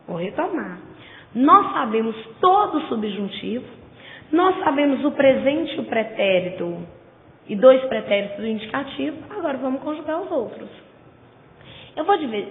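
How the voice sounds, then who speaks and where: A woman teaching grammar in a lecture, with a Brazilian Portuguese accent, drawing words out slowly to stress their syllables. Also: a little high. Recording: tinny, echoey lo-fi recording.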